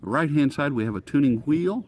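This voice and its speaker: Outdoors on a breezy day, a man reviews a gadget to camera in a casual, rambling way, folksy, self-deprecating, and easily sidetracked. His voice is a little high and a little mellow, animated and brisk, and light wind noise runs through the recording.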